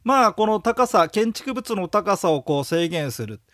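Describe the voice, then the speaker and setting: Lively joking man lecturing, dry sound. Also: high-pitched, measured pace, no echo. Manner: casual, joking, drills rhythmic chants. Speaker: exam prep lecturer. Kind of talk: recorded audio lecture.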